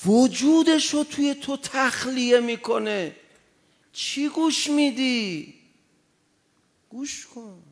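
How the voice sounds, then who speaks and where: Male preacher, gravelly, high-pitched, impassioned delivery swinging loud to soft. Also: pauses often. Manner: impassioned, swings from loud exhortation to quiet anecdote. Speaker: cleric. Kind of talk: sermon.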